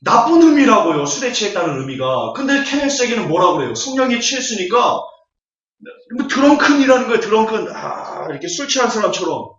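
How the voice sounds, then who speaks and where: A man's voice: high-pitched, big pitch swings, fairly quick, fairly bright tone. Scornful preacher man, echoey hall. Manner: scornful, rhetorical questions. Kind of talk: Bible lecture sermon. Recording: echoey hall, distant, dull audio.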